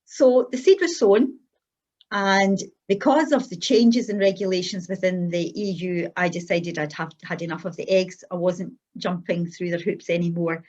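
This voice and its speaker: A woman's voice: fairly low pitch, fairly even intonation, normal speed, a little mellow. Scottish woman telling her story, slightly muffled recording. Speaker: interview guest telling a personal testimony. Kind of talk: unscripted personal storytelling.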